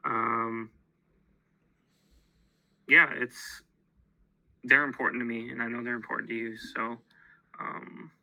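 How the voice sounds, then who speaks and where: A man co-hosting a podcast, a bereaved father speaking haltingly and reflectively about grief. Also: medium pitch, little pitch movement, gravelly, pushed and bright, low-quality recording. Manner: halting, with restarts and fillers, searching for words.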